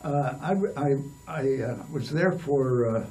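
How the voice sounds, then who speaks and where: A man's voice: medium pitch, expressive, measured pace, a little mellow, recorded from a distance, rough recording. An older man telling long stories as an interview guest, rambling with frequent restarts and fillers. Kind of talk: storytelling in a casual interview.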